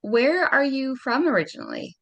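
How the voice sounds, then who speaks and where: A woman's voice: sits high, sing-song, normal speed. Encouraging woman podcast host. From Canada. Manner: warm-hearted, encouraging, with fillers. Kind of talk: casual interview chat.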